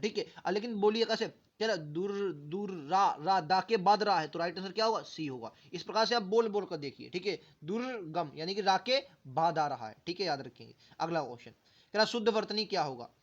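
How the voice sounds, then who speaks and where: This muffled recording captures a high-voiced male teacher in an exam-prep grammar class. He breaks words into syllables as he drills them aloud and keeps putting questions to the students.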